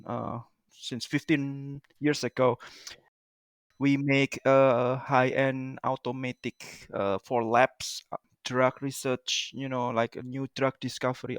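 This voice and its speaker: Slow, halting man from Indonesia. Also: mid-range voice, creaky, a bit bright, dry recording, clean studio sound. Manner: halting, many "uh" pauses, non-native phrasing. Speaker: guest, engineer and inventor. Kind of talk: casual interview talk.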